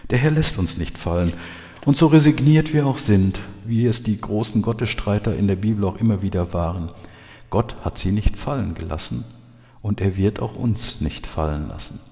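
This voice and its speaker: A man's voice: lowish voice, moderate pace, creaky, dark tone. A man preaching a sermon as a church leader, earnest and building to emphatic peaks. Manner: earnest, rising to emphatic outbursts. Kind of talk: sermon with Bible readings. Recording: long hall reverb, faint background music.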